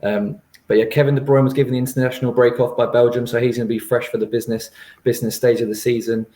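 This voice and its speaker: Casting note: male analyst, brisk team-news rundown, roomy echo. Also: mid-range voice, level tone, warm tone. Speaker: football analyst. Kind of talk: match preview.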